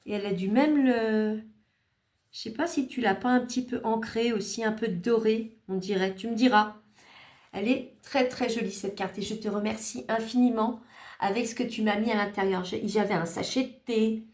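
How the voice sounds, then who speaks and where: A woman hosting a craft channel, casually showing cards she was sent and thanking each maker in a chatty, grateful way with small hesitations. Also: medium pitch. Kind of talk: casual show-and-tell of cards. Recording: echoey room.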